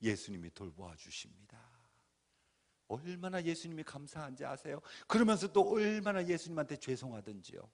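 A man delivers a testimony sermon in a church, his voice leaping across a wide, lively pitch range. He sits a little higher than most men and moves from quiet confession to loud, tearful pleading. The delivery is dramatic and theatrical. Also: normal speed. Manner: dramatic, swings from hushed to shouting; acts out his own pleas and cries. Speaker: guest speaker at a church revival. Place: church sanctuary.

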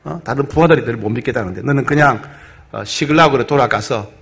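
A male preacher playing an older foreign king who gently persuades a subordinate to go home. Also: medium pitch, fast, vocal fry, pitched below the performer's own voice. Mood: placating.

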